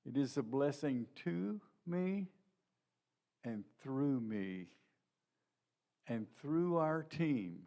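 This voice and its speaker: A man's voice: mid-range voice, expressive, very slow, long pauses, mellow. A man giving an earnest testimony at church as a guest minister.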